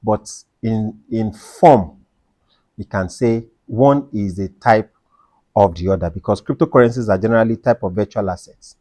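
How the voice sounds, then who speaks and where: A man's voice: on the low side, normal speed, dark tone, no room sound. A man explaining tax law in a video lesson, asking questions and answering them emphatically, repeating his key points. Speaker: tax educator.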